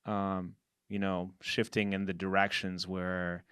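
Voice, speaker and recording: Man, forties, low dry voice, casual co-host, many fillers. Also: flat delivery, fairly bright tone, clear, resonant tone, dry recording. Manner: halting, many fillers and restarts. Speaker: podcast co-host. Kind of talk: casual conversation.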